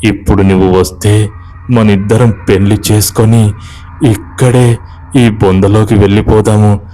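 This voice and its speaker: A man voicing the vengeful ghost of a woman who died unmarried, speaking slowly and eerily in a horror tale. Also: on the low side, level tone, dark tone, natural voice. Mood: eerie coaxing. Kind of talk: horror storytelling.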